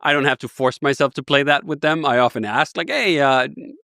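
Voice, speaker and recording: A man's voice: medium pitch, a little fast, bright, forceful tone, dry recording, studio quality. A man in his forties from Denmark, a guest telling stories with enthusiasm in a casual interview. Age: 40s. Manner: enthusiastic, rambling storyteller.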